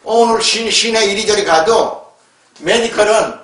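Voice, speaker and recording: This man, a lecturer on word origins, speaks a little slowly in a voice that sits high. His lecture is emphatic and scolding, peppered with rhetorical questions, and it's recorded in an echoey room from a distance with background noise.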